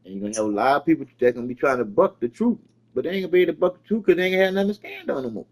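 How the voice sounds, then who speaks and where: A man with a hosts a loose live stream chat. His voice sits a little high and swings widely in pitch as he preaches at his viewers, often stammering into a point. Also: animated, racing.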